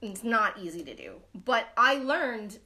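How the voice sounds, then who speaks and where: A woman chats on a live stream, blunt and foul-mouthed, rambling through endless fillers. Her voice has a bright, sharp edge. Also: on the high side, very animated, unhurried. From Brooklyn, New York. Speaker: knitting live-stream host. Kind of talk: casual live-stream chat.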